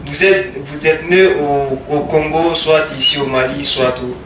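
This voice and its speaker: A man's voice: fairly high pitch, fairly even intonation, measured pace, far from the mic, noisy background. A man hosting a radio interview, often echoing his guest's answers back with hesitant fillers. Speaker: radio host. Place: radio studio.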